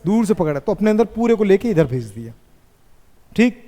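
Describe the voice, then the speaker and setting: A man teaching physics in a classroom, asking students questions and dictating notes slowly. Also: high-pitched, very animated, mellow. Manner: slow dictation. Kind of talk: classroom lecture. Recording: echoey classroom reverb.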